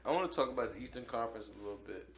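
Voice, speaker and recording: A young man rattles along very quickly in an average-pitched voice. He is co-hosting a podcast in loose, slangy chat between friends. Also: animated. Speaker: podcast co-host.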